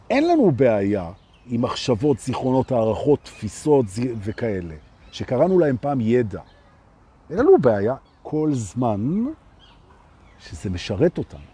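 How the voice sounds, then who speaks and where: Husky man giving a lively rhetorical talk. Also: medium pitch. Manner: rhetorical, keeps asking "right?"; lively, swings between loud and soft. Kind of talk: live spoken talk to an audience. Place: outdoors with street noise.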